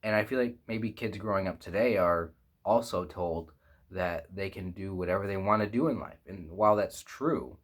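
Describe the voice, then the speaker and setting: A man's voice: low voice, moderate pace. A man of twenty-five talking candidly to his phone camera in a small foam-lined room, reflective and rambling with plenty of fillers and restarts. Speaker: vlogger. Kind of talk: candid personal vlog. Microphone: phone camera at close range.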